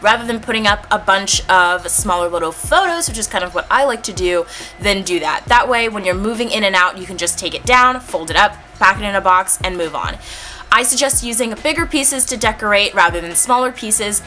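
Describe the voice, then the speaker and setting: Young woman, college vlogger, chatty, upbeat, bright voice, average pitch. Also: animated, a little fast, faint music behind. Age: young adult. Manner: chatty and upbeat, with lots of fillers. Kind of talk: casual advice vlog.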